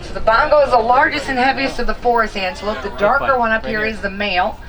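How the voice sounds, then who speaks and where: A woman's voice: fairly high pitch, fast, a crowd in the background. A woman working as a safari guide, giving live instructive tour narration to a group of passengers. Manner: instructive, addresses group as friends. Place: moving open safari truck outdoors. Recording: distant onboard vehicle speaker, loud engine noise.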